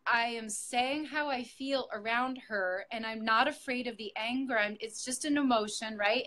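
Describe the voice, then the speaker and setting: Bright-voiced earnest woman reflecting. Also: fairly high pitch. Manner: earnest and reflective, many fillers and restarts. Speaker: yoga teacher sharing her story with her coach. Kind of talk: heartfelt interview testimonial.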